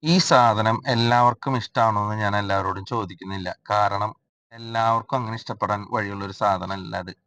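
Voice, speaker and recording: A man from Kerala narrating a cooking vlog in a casual, rambling way, filling pauses with drawn-out "aa" sounds. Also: on the low side, steady tone, a bit bright, no room sound. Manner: chatty, rambling, frequent drawn-out 'aa' fillers. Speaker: cooking vlogger.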